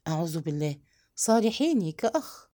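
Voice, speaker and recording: A woman reading as an anxious young man, hushed. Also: on the low side, sing-song, fairly quick. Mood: uneasy.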